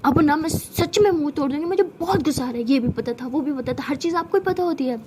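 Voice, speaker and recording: A woman's voice: high voice, fast talker, noisy background, close to an everyday voice. A woman voicing a shy young woman who gets irritated and defensive when teased.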